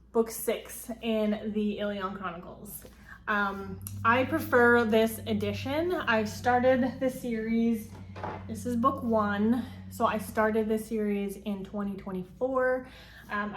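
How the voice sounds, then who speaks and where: A woman's voice: fairly high pitch, a little hiss or hum. A woman chatting casually through a book haul, rambling with frequent ums and likes, filmed as a phone video. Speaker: book vlogger. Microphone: phone camera. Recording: roomy phone recording, faint ambience.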